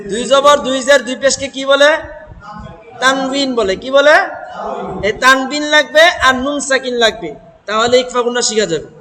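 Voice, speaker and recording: A man's voice: very high voice, bright, forceful tone, a little hiss or hum, low-quality recording. A man teaching Quran reading who sounds out syllables one by one, repeats them and quizzes his listeners, with a Bangladeshi Bengali accent. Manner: drills syllables aloud, repeating and asking the class. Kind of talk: step-by-step reading lesson.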